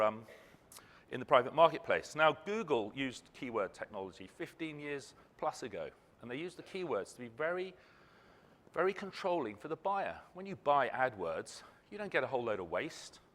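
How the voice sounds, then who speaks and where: A man's voice: mid-range voice, a bit bright. A man giving a conference presentation, speaking with emphatic phrasing and posing rhetorical questions. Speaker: ad technology company speaker. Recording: reverberant hall.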